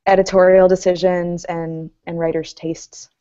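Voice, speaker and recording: Woman publicist, lowish voice, measured and detailed; muffled lo-fi podcast sound. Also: flat delivery, dark tone, clear, resonant tone. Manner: thoughtful, explains in detail with fillers. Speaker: music publicist and record label owner. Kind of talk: casual podcast chat.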